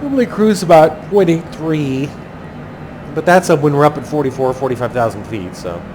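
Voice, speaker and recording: A man giving a casual flight commentary, chatty and thinking aloud in pilot jargon. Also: moderate pace. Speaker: flight simulator pilot and host. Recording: clearly noisy, steady low engine-like rumble.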